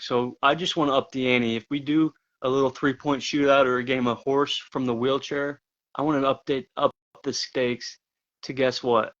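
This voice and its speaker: A man's voice: medium pitch, a bit bright. Brash trash-talking man on a dull line. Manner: taunting, brash, profane trash talk. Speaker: pro wrestler hyping a match. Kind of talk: trash-talking phone promo. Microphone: phone call.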